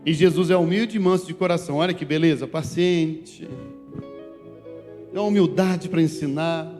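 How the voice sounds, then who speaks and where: A male pastor from Brazil preaching a sermon, animated, moving between loud calls to the congregation and quiet asides. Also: fairly high pitch, moderate pace. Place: church sanctuary. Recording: reverberant church hall with faint music.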